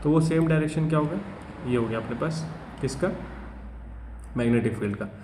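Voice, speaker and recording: A man teaching a physics class, explaining in casual talk and reading textbook lines slowly. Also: a little high. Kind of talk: class lecture. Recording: echoey room with faint hum.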